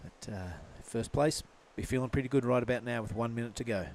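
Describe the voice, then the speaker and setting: A man's voice: mid-range voice, a little fast, a little mellow, a little hiss or hum. A man giving live surf contest commentary in a laid-back, casual surfer announcer manner.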